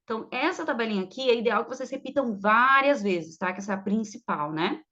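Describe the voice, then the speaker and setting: A woman's voice: fairly high pitch, animated, fast, pushed and bright, muffled recording. A woman teaching English online, patiently explaining and drilling phrases for students to repeat. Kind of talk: online language lesson.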